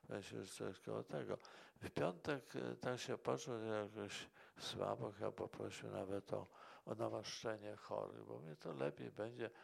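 A man's voice: lowish voice, moderate pace, gravelly, slightly rough. A man, a monk and priest, answering interview questions in a rambling way and often tagging his remarks with a questioning "right?". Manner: rambling, tags remarks with "prawda?".

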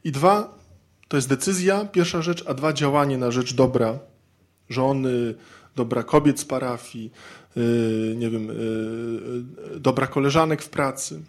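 Speaking a little slowly in a mid-range voice, a man gives an informal, funny talk to men about marriage. He's chatty, acts out everyday scenes, and keeps adding little tag questions to his sentences.

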